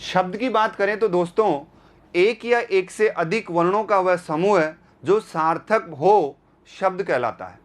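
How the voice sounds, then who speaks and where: Male grammar lecturer, high voice, unhurried delivery, repeats terms and quizzes the class rhetorically. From India. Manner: repeats key terms and asks rhetorical questions. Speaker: Hindi grammar teacher. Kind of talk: exam-prep grammar lecture.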